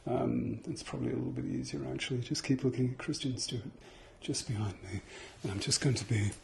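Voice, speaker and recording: A British man doing an ASMR ASMR role-play, soft-spoken and slipping into speaks softly, giving insistent, repeated instructions and reassurance. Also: medium pitch, fast talker, vocal fry, background noise.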